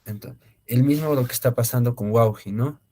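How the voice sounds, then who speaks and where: A man teaching a beginner Quechua class online, explaining slowly with many fillers, repeated words and tag questions. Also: medium pitch, dark tone.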